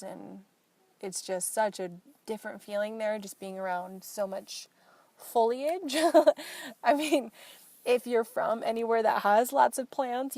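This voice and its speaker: A woman's voice: mid-range voice, a little mellow, dry recording. A young woman from Portland, Oregon, hosting a casual solo podcast from her car, telling a frustrated story in a frank, exasperated way with some swearing. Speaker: podcast host. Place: inside a parked car.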